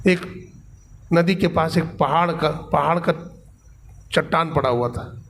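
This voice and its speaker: A man's voice: a little high, fairly even intonation, takes it slowly, fairly bright tone, slight background noise. Man telling a parable as a sermon. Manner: acts out the characters' quotes in the story. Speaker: spiritual teacher. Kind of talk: storytelling sermon.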